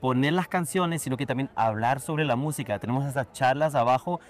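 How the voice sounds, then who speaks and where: Talkative man DJ, mid-pitched. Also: brisk. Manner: enthusiastic, talkative, lots of fillers. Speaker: guest DJ. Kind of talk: casual conversation.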